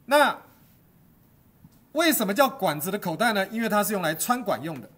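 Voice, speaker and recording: A man's voice: high-pitched, very animated, moderate pace, a bit bright, slightly rough. A middle-aged man teaching a stagecraft class, quizzing his students, cracking jokes and dropping English terms into the lecture.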